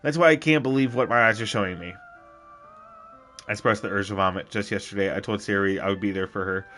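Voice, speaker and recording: Bright-voiced young man streaming a game. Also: lowish voice, fast. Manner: loud, jokey, rambling, with bursts of shouting. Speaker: let's play streamer. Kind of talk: game commentary and reading dialogue aloud. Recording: game music underneath.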